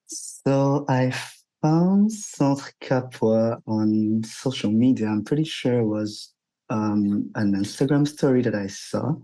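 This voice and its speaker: A man's voice: lowish voice, warm tone, low-quality recording. A man in his twenties from Quebec, chatting as a radio guest in a hesitant way, with many fillers. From Quebec, Canada. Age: 20s. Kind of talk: casual radio interview.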